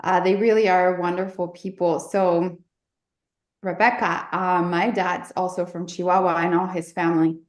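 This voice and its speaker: Woman from Mexico, slow and reflective guest, echoey room sound. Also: on the low side, flat delivery. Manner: slow, thoughtful, with many fillers. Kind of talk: interview conversation.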